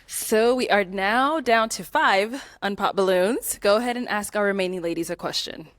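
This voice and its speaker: A woman hosting a dating show who prompts each contestant in a brisk, friendly way. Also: mid-range voice, no room sound.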